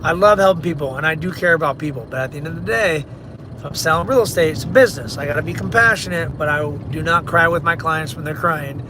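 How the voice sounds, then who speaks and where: A man's voice: on the high side, fast talker, background noise. A middle-aged man, a real estate agent, chatting bluntly and rambling in a casual livestream from his car while he drives and reads viewer comments aloud.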